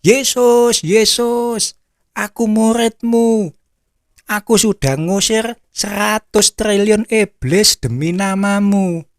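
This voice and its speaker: A demon-obsessed male exorcist cries out in a high, shrill, frantic voice, as a preacher puts him on. His words come slowly and stretched out, over a dry, close sound. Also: no room sound.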